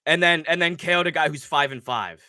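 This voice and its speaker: A young man, slightly high-pitched and speaking a touch quickly, sounds clear and resonant in a clean, echo-free studio recording. Nasal from a cold, he hosts a laid-back livestream, excitedly rambling and cursing over fight picks.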